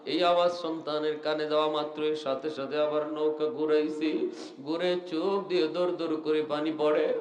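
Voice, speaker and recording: A man with a Bangladeshi Bengali accent preaching a sermon at an outdoor religious gathering, swinging into melodic, chanted passages over loudspeakers. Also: fairly high pitch, little pitch movement, normal speed, roomy sound. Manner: chanting, melodic, swings into loud sung verses. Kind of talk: sung and shouted sermon.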